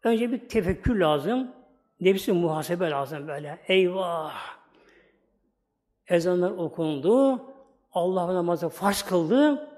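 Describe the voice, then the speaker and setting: A man with a high voice preaches a sermon. He is middle-aged and talks to his congregation through stories and rhetorical questions. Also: animated, slow pace, long pauses, darkish tone.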